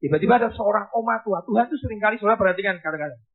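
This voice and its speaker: High-voiced pastor, tinny sound. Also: male voice, very fast. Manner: animated, shouting bursts then dropping to hushed. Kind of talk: sermon storytelling.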